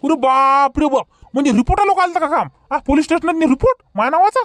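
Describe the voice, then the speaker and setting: A man's voice: high voice, a little fast, no echo, studio quality, lightly acted. A man with a Vidarbha Marathi accent playing a confused, protesting village man in a rustic comedy sketch.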